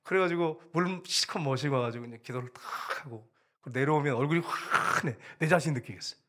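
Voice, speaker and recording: In the sanctuary, a middle-aged male pastor delivers his sermon a little fast in a voice that sits slightly high. He spins stories in a relaxed, chatty way, imitating the people in them, and alternates between quiet narration and loud appeals to the congregation.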